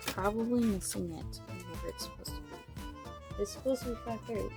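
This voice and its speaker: A woman who runs a budgeting vlog, thinking aloud in a fairly monotone way as she counts bills under her breath. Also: mid-range voice, normal speed, gravelly, over music. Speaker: budgeting vlogger. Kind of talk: casual talk while counting cash.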